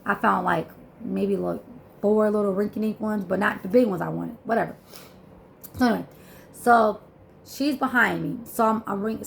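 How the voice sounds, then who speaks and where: A woman telling a shopping story in a vlog, animated and chatty, acting out what people said. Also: mid-range voice, vocal fry, a little hiss or hum. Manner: animated, acts out dialogue, many fillers. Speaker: vlogger.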